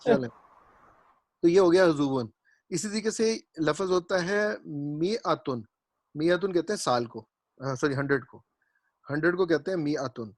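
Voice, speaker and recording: A man's voice: a little high, pauses often, dry recording. A man teaching Arabic grammar in a classroom lecture. He explains step by step, repeats his points and keeps checking that his students understand.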